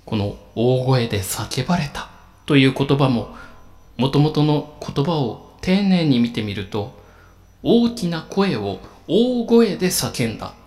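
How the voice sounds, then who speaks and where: A man preaching a sermon as a pastor, in a slow, solemn and measured delivery with emphatic pauses. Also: medium pitch, sing-song, a little mellow.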